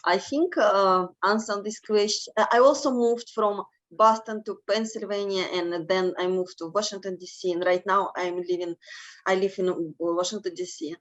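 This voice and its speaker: A Russian woman, an alum, is interviewed during a panel discussion held over a video call. Her medium-pitched voice is steady, but she speaks hesitantly with many fillers and halting non-native phrasing, and the audio is dull.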